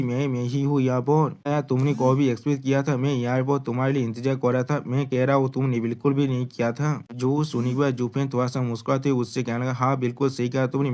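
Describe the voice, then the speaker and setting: Man, Hindi accent, storytelling recap narration, monotone, mid-pitched voice. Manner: flat, even delivery, quoting all characters in the same voice.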